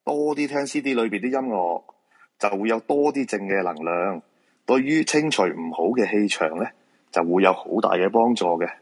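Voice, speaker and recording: A man with a lowish, animated voice speaks at normal speed. In a radio drama he plays a polite, patient feng shui master with a Hong Kong Cantonese accent, explaining things in a calm, reassuring way.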